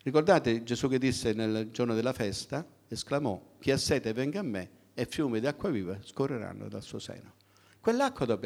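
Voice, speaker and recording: A middle-aged man delivers a sermon to his congregation. His tone is conversational and direct, with frequent rhetorical questions and pauses for the listeners to respond. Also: medium pitch, a little mellow. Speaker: preacher.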